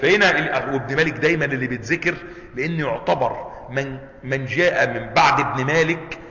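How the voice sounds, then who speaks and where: A man with an Egyptian accent teaching a lesson on legal theory, asking his class questions and answering them himself, and slowing down to recite quoted verses. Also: mid-range voice, pushed and bright. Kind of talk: classroom lecture. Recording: echoey hall, slightly dull sound.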